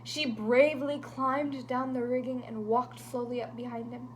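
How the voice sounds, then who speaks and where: A woman reads a picture book aloud to children, animated, slipping into whispers for suspense and chatting with her young audience. Her voice is on the high side at a moderate pace, with a little hiss or hum in the recording.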